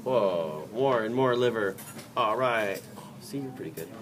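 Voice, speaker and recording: Animated yet measured, a fairly low-voiced man teaches a biology dissection, bantering and chatting while testing his class with questions. A distant mic picks him up over the noise of the classroom.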